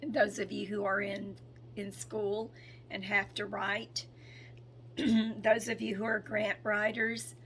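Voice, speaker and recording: Speaking as a spiritual channel, a woman with a hoarse voice offers a casual update, pausing often, saying um and clearing her throat. Her pitch is medium and her delivery flat with a fairly bright tone, on a rough recording.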